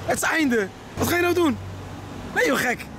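Male, high lively voice, casual off-camera chatter, very noisy roadside recording. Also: moderate pace. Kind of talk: casual chat from behind the camera. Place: outdoors beside a road. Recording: loud outdoor traffic and vehicle noise.

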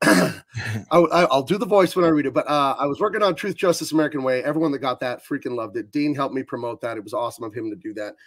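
A man's voice: mid-range voice, quick pace, no room sound. A man who is a comic book artist, chatting as a guest in a verbose, rambling way. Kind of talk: casual chat.

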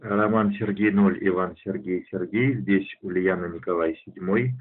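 A man with a husky voice working as an amateur radio operator, making a contact over radio. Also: deep voice, fairly even intonation, moderate pace. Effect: radio transmission. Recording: narrowband, muffled radio sound.

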